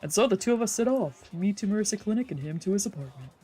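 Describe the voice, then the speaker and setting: Reading a visual novel aloud in a let's play, a streamer narrates with drama, invents voices for the characters, and adds offhand asides over faint game music. The mid-range voice is animated, mellow, and slightly rough, and the pace is fast.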